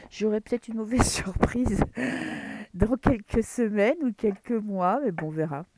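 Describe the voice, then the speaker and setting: A woman's voice: medium pitch, unhurried, dark tone, no room sound. A woman with a French accent chatting casually while she reads tarot cards, rambling with many fillers and restarts. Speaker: tarot reader. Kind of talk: casual chat with tarot reading. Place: dim room at home, early morning.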